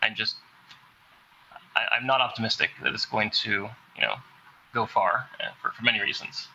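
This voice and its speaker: A man's voice: fairly low pitch, moderate pace, bright, forceful tone, muffled recording, a little hiss or hum. A man in a casual science discussion, speaking skeptically with hedges. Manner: skeptical, hedging. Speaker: discussion participant.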